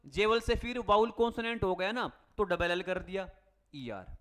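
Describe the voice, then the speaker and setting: A man's voice: high-pitched, expressive, normal speed, a bit bright. A male teacher coaching exam students in a spelling lesson, speaking Hindi. He spells words out letter by letter and asks the class questions, then answers them himself. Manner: calls students "beta" and "bhai" in a friendly coaching tone. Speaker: English teacher.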